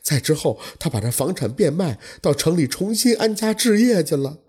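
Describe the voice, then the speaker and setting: A man's voice: fairly high pitch, big pitch swings, moderate pace, a little mellow, husky, exaggerated voice. A man voicing a young female ghost who pleads sorrowfully for help, in a storytelling performance. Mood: tearful.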